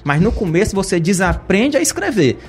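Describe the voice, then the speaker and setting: High-voiced man, chatty storyteller. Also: sing-song, a little fast, a little hiss or hum. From Ceará, Brazil. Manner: chatty, anecdotal, frequent tag questions. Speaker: guest, journalist. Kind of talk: conversational storytelling.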